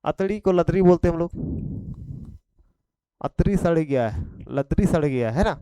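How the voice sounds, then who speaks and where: A man's voice: on the high side, expressive, normal speed, mellow, clear, resonant tone, no echo, low-quality recording. A man with a Khortha accent teaching an exam prep vocabulary lesson, repeating each point and checking in after it.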